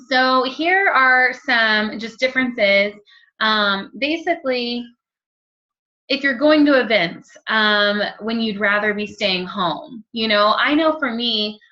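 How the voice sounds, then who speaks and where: Fast-talking bright woman, motivational chat. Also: a little high. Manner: quick, chatty, many ums and you-knows. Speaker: network marketing team leader. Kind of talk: casual motivational talk to camera. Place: home. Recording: dull lo-fi home recording.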